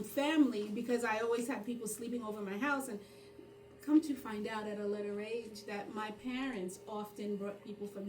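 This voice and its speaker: A middle-aged woman born in Haiti, a community organizer, telling her story in an interview. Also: medium pitch. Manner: storytelling, animated when quoting herself. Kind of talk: interview conversation. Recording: roomy, distant mic with background noise.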